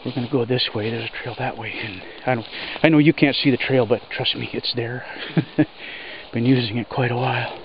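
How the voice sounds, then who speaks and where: A man talking plainly to a body-worn action camera while hiking through woods to a creek, breathing hard on the rough ground. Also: mid-range voice, steady tone, a crowd in the background. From Alaska. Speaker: homesteader vlogger. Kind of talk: casual walking narration. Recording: dull lo-fi camera audio, loud creek noise. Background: rushing creek water.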